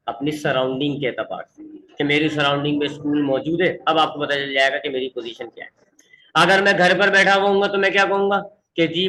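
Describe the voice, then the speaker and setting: Bright-voiced man teaching physics. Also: on the high side, poor audio. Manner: mixes English definitions into Urdu-flavored explanation, repeats for emphasis; speaks slowly and deliberately. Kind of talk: online classroom lecture.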